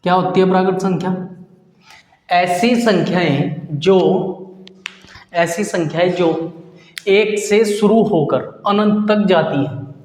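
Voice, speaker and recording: A man's voice: sits high, takes it slowly, long pauses, a little mellow, echoey room, big-room sound. A man teaching a maths lesson. He asks questions and answers them himself, and he repeats key terms as he counts out numbers. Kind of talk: classroom lesson at a board.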